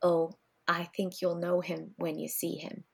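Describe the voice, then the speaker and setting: A woman voicing a wise old male peacock in a storybook reading, speaking softly, slowly and reassuringly. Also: mid-range voice, fairly even intonation, husky. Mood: gentle. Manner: soft, slow and reassuring.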